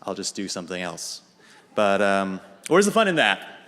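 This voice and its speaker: A young American man telling a dry, deadpan comic story about himself on a radio show. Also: low voice, normal speed. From United States. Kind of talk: humorous personal monologue. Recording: reverberant hall.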